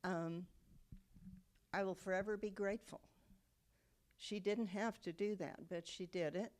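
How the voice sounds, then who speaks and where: A woman's voice: mid-range voice, steady tone, a little slow. A woman, telling her family story in an oral history interview. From United States. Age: 70s. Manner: reflective storytelling with frequent um and okay.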